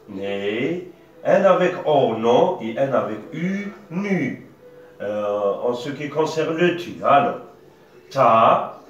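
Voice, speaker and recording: A male teacher with an Algerian French accent giving a patient reading lesson, spelling out syllables with frequent hesitations. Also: medium pitch. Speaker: primary school teacher. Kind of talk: slow classroom-style reading lesson. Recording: echoey room, distant dull mic.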